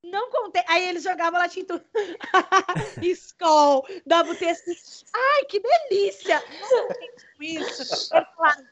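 Very high-voiced woman telling stories. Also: normal speed, highs cut off. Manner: animated storytelling, laughing often. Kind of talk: casual chat.

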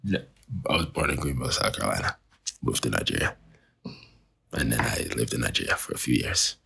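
A man, a travel photographer, chatting casually in an interview, animated and laughing often, with frequent restarts. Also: rumbling low, fairly quick, gravelly, breathy edge.

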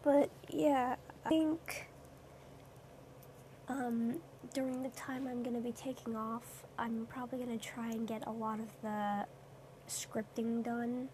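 A woman's voice: on the high side, fairly even intonation, slow pace, mellow, a little hiss or hum. A young woman streamer rambling hesitantly in a casual late-night chat, with lots of fillers.

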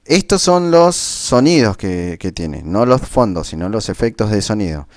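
A man giving a casual spoken software tutorial into his computer's built-in microphone, with frequent fillers. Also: fairly low pitch, sing-song, moderate pace, dry recording, clean studio sound. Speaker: tutorial presenter. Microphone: computer's built-in default microphone.

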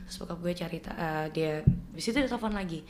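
A woman's voice: lowish voice, fast talker, darkish tone. A young adult woman from East Nusa Tenggara, a singer guest in a casual interview, speaking earnestly and emotionally.

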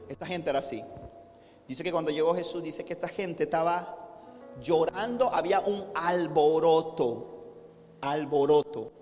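A man preaching a sermon as pastor, telling stories and acting out the voices, building to loud fervor. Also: a little high, a little slow, in a large hall, soft background music. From from a city. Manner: storytelling preacher, acts out voices, builds to shouting. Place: church.

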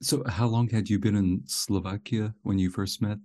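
A man's voice: lowish voice, steady tone, normal speed, mellow. A middle-aged man hosting a show, moving between scripted narration and interview questions.

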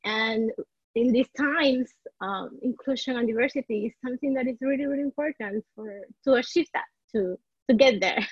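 This podcast guest, a Puerto Rican life coach, has a fairly high voice with a breathy edge and speaks at a normal pace. In the conversational interview she gropes for words, restarts frequently, and laughs softly, and the dull audio carries no room sound.

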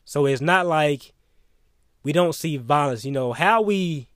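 A man's voice: on the high side, lively intonation, measured pace, dry recording, studio quality. A man delivering a solo opinion monologue in a blunt, emphatic way, sometimes swearing. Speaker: opinion commentator.

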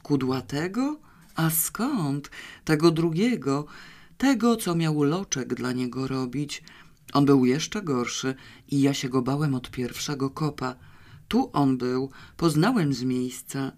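A man's voice: medium pitch, lively intonation, slow, a little mellow. A reader doing a rambling nervous country man. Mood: confessing. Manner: rambling, folksy, confessional. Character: nervous male small-time poacher confessing.

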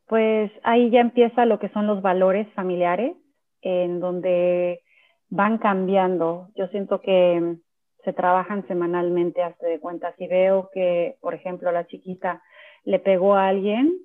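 A woman's voice: on the low side, flat delivery, unhurried. A mother in her thirties explaining parenting earnestly, often checking in with tag questions. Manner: earnest, uses examples, frequent tag questions. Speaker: guest, parenting speaker. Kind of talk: conversational explanation. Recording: tinny phone-like line.

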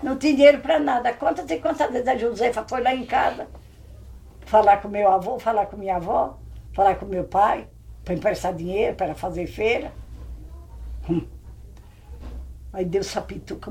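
A woman's voice: mid-range voice, moderate pace, gravelly, pauses often, dark tone, slight background noise, poor audio. Older Brazilian woman spinning family tales. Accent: Brazilian Portuguese. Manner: rambling, vivid, re-enacts scenes with exclamations. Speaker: family elder recalling old times. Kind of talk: casual oral storytelling.

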